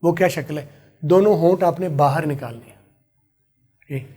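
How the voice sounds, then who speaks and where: A man's voice: a little high, moderate pace, mellow, husky. A man giving an online English lesson, explaining patiently and repeating phrases for practice while he writes them out. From Pakistan. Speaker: English teacher.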